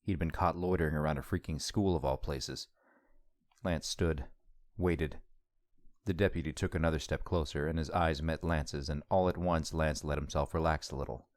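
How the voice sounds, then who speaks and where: A man narrating an audiobook in a steady, measured reading. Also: very deep voice, dry recording.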